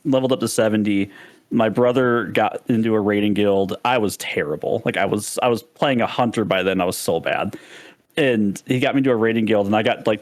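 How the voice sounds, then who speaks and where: Podcast co-host, male, chatty storyteller, lower voice, dry close sound. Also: no room sound. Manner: storytelling, lots of fillers. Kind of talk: casual chat.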